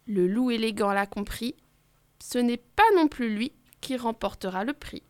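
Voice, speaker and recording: Woman, storybook reading, expressive, high pitch, unhurried. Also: smooth, no room sound.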